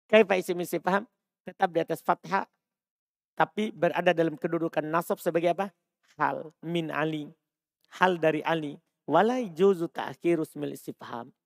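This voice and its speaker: Male religious teacher, high voice, dry close sound, drills students on Arabic grammar. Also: vocal fry, fairly bright tone, dry recording. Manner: quizzing students with repeated questions; mixes Arabic terms with Indonesian explanation. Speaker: Islamic studies teacher. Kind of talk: classroom lesson on Arabic grammar.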